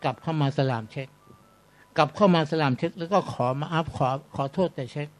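A man preaching in a garage meeting room, telling a story with lively, animated delivery and speaking straight to his listeners. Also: on the high side, fairly quick. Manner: animated, addresses the audience as brothers and sisters. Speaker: Islamic preacher. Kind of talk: storytelling sermon.

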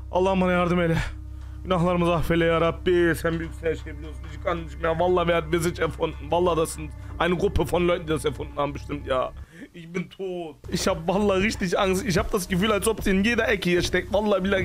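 Man, gaming streamer, high-pitched, panicky, swearing, let's play commentary, faint music behind. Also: fairly bright tone. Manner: jumpy, panicky, swearing exclamations.

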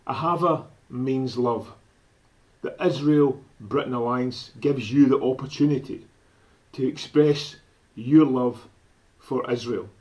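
A man from Scotland with a Scottish accent, director of an advocacy group, making an earnest, deliberate appeal to camera and quoting scripture. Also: medium pitch, low-quality recording. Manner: slow, deliberate, quotes scripture.

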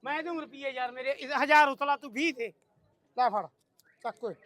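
A man with a Punjabi accent brokering a deal in loud, hearty, blunt haggling banter, pushing hard to close it. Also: very high-pitched, fairly quick, no echo. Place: outdoors at a livestock deal.

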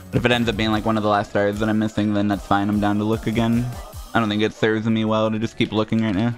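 A young man giving casual, sarcastic, self-mocking commentary while playing a game, swearing freely. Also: on the low side. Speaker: streamer.

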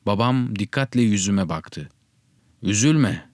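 A man narrating a first-person story in a steady, reflective reading style. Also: lowish voice, unhurried, no room sound, studio quality.

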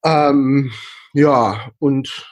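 Young guy from berlin, halting, keeps saying ähm, chatty interview guest. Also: mid-range voice, steady tone. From Berlin, Germany. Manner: hesitant, many fillers and restarts. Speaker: interview guest, freelance frontend developer. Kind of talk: casual interview chat.

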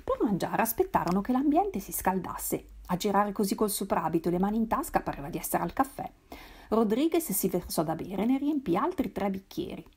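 A woman reading a novel aloud in a measured, expressive way. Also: medium pitch, slightly rough. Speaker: reader. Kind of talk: literary read-aloud.

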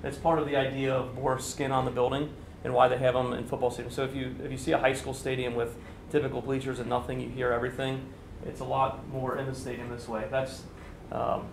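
At an indoor press briefing, a construction official in his forties explains matters in a businesslike manner with frequent fillers, speaking into a standing mic in front of a TV camera. His mid-range voice is creaky, with little pitch movement, and a little fast. The recording is echoey and has background noise.

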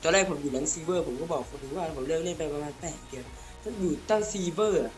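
A man giving casual, excitable commentary on his own gameplay, swearing freely and talking straight to his viewers. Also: a little high, fairly quick. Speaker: gaming channel host. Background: game music.

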